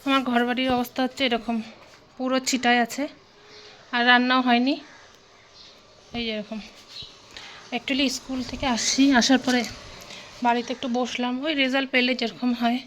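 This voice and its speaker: A young woman chatting casually in a home vlog, sometimes speaking softly. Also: a little high, little pitch movement, moderate pace, long pauses, slight background noise. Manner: chatty, talks softly at times. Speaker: vlogger.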